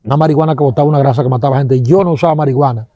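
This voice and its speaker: A man with a Dominican accent giving an animated testimony, acting out sounds and quoting people, with religious exclamations. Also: mid-range voice, racing, no echo, muffled recording.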